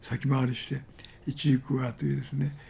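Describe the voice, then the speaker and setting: A male pastor delivers a storytelling sermon, his voice heavily gravelly and husky. It sits somewhat high for a man yet sounds dark and mellow. He leans on fillers and repeats words for emphasis. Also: level tone, normal speed.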